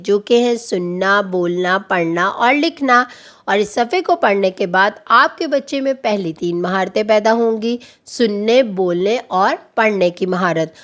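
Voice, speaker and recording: A woman teacher giving a children's reading lesson. She sounds out letters slowly, draws out the vowels and calls on the class to repeat after her. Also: medium pitch.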